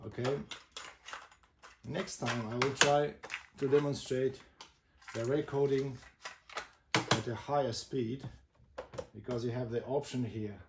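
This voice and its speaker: Slow, halting man in an echoey room. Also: mid-range voice, fairly even intonation. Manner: halting, step-by-step delivery in short phrases. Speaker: host demonstrating vintage boomboxes. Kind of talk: informal product demonstration. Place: indoor room with a table of boomboxes. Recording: echoey room, loud noise, mechanical clicks.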